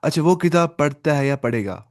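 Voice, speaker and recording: A man's voice: a little high, animated. A male language teacher in an online lesson, who drills phrases, repeats them and prompts his student to answer. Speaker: Arabic teacher.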